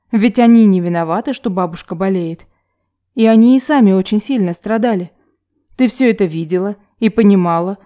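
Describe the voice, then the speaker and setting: A woman's voice: medium pitch, dark tone, lightly acted. A woman voicing a grown woman who harshly scolds her younger self in an audiobook. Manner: harsh, reproachful lecturing. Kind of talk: audiobook character reading.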